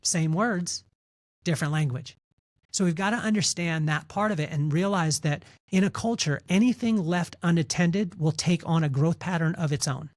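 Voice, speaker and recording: Guy on a podcast telling stories, kinda high voice, super dry close sound, acts out the quotes. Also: moderate pace, dry recording. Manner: animated storyteller, repeats words, acts out quotes. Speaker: podcast guest, speaker. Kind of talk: conversational storytelling interview.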